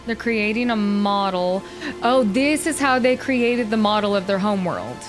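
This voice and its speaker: A woman hosting a let's-play, thinking aloud with curiosity as she narrates her moves, sometimes dropping to a hush. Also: mid-range voice, lively intonation, normal speed. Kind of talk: casual gameplay commentary. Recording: faint game music behind.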